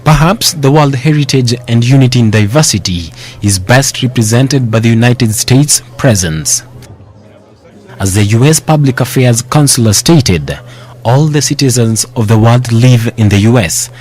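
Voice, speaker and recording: A man reading scripted documentary voice-over narration in a formal, measured way. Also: medium pitch, darkish tone.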